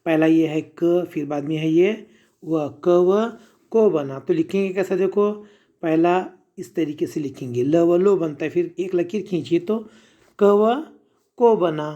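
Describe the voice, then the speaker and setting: A man's voice: a little high, measured pace, dark tone, highs cut off. A male teacher, patiently sounding out letters and asking the class to repeat words. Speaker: primary school Urdu teacher. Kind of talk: slow spelled-out reading lesson for children.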